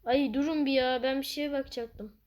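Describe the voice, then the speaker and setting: A woman giving playful, excitable gameplay commentary as she plays, breaking into loud outbursts. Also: high voice, normal speed. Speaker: gaming channel host.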